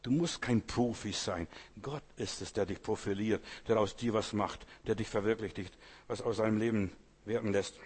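Husky-voiced man preaching, talking straight to the congregation, repeating his urging lines with rising force. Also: on the low side, normal speed. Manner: conversational, keeps asking the audience "weißt du"; repetitive exhortation, rising loud on key phrases. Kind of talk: sermon.

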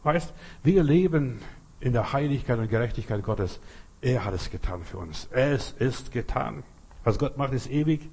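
In this sermon, a man's husky, mellow mid-range voice moves at a moderate pace with lively intonation. He addresses the listener directly, keeps checking "you understand?", and breaks into sudden emphatic rises.

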